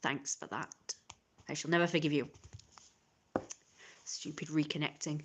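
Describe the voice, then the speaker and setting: A low-voiced woman streamer rants fast and exasperated in casual live chat, tossing in mocking asides that quote other people. There's a slight hiss or hum in the audio.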